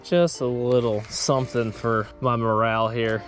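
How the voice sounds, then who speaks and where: A man's voice: mid-range voice, flat delivery, moderate pace, faint music behind. A young man talking casually to camera in an outdoor fishing vlog, easygoing, jokey and slangy. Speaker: fishing challenge vlogger.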